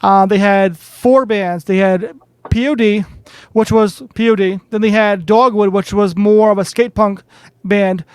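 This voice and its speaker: Male podcast host, high, smooth voice, dry sound, eager fan. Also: steady tone, a little slow, a little mellow, no echo. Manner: eager fan, repeats words when starting. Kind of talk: casual interview.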